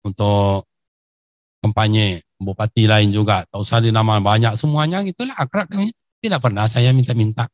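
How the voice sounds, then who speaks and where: Male preacher, Riau Malay accent, animated storytelling sermon, dry close sound. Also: moderate pace, no echo. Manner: animated, acts out dialogue with sudden high-pitched bursts. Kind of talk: lively sermon with acted-out stories.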